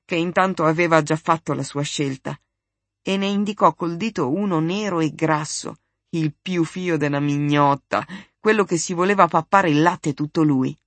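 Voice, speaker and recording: An audiobook narrator reading a literary novel in a steady, measured storytelling voice. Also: medium pitch, dry recording.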